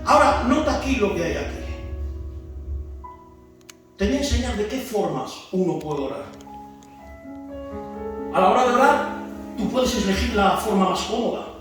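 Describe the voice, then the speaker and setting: High-voiced Spanish preacher, echoey hall. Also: male voice, sing-song, moderate pace, long pauses. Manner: preaching with rhetorical questions, rising to shouts. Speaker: pastor teaching a discipleship class. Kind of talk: sermon. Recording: echoey church hall from far off, music behind.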